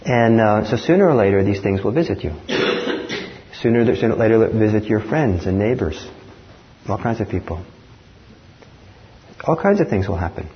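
A man from Norway gives a dharma talk in a reflective, measured way, his voice sitting fairly low. The recording is dull and lo-fi, with a faint hiss underneath. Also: animated. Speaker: meditation teacher.

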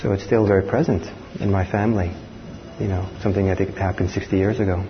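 In a steady tone, a man from Norway who teaches meditation gives a reflective, measured dharma talk with a fairly low voice. Faint hiss runs beneath the dull, lo-fi recording.

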